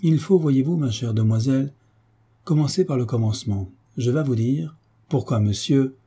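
A man's voice: medium pitch, moderate pace, mellow, slightly rough, pitched above the performer's own voice, natural voice. A man voicing a fussy, talkative middle-aged male landlord who speaks emphatically, in a folksy way, for an audiobook. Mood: insistent.

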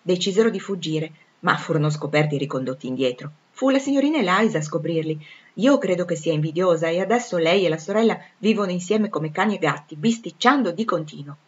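A woman voicing a warm-hearted young former nursemaid, talking in an eager, gossipy, affectionate way, in a dull lo-fi recording. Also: lowish voice, expressive, quick pace, hardly any pauses, lightly acted. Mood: chatty.

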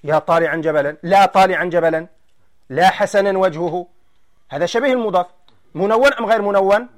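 This man's voice sits high as he teaches grammar, speaking with a Moroccan Arabic accent, explaining slowly and quizzing the class.

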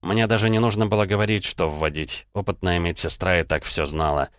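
A man reads a first-person audiobook in a very deep voice, with measured, tense storytelling. The recording is dry and close, with no room sound. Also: steady tone, no room sound. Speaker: audiobook narrator. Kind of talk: scripted first-person narration.

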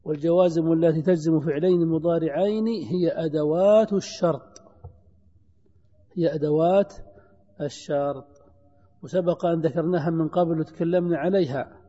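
Higher-voiced man teaching grammar in a hall. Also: normal speed, long pauses, dark tone. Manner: explains patiently, repeats examples, asks the students questions. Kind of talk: classroom lesson. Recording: dull lo-fi lecture recording in a reverberant hall.

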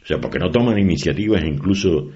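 A man's voice: low-pitched, quick pace. An older man, telling stories in an interview and acting out the voices of the people he quotes. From Canary Islands. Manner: animated storyteller, acts out quoted voices. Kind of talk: conversational interview. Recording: dull lo-fi recording.

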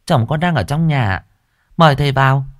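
A man voicing an anxious young village wife in a raised falsetto. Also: expressive, normal speed, close to an everyday voice.

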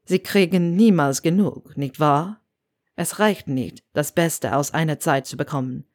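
A woman voicing a stern, cold male professor with a low, clipped, hissing delivery, in a storybook reading. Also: a little slow, darkish tone, no room sound.

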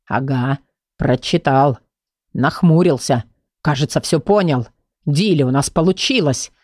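A woman voicing a pompous male book of curses who speaks slowly and self-importantly, in a lowered voice. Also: darkish tone, no echo, studio quality. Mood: excited.

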